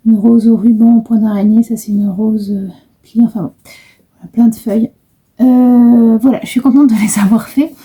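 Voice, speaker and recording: A middle-aged woman talks casually to her camera about her handwork, wandering from one thought to the next with frequent pauses and restarts. Her voice is very dark and mellow, slightly high, with a breathy edge. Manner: rambling, hesitant, many fillers and restarts. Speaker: embroidery vlogger. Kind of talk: casual vlog chat.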